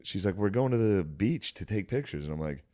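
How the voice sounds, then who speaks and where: A man in his thirties with a very deep voice trades easygoing banter on a podcast. His jokes land flat and deadpan. He is recorded close and dry, with a near-silent room. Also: brisk, no room sound. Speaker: podcast co-host. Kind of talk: casual comedic chat.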